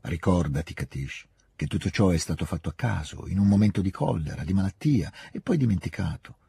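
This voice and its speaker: A man reading aloud, voicing a smooth, scheming older nobleman who coaxes in a soft, hushed way. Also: sits low, lively intonation, brisk, dry recording, clean studio sound, full character voice. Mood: coaxing. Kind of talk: audiobook reading.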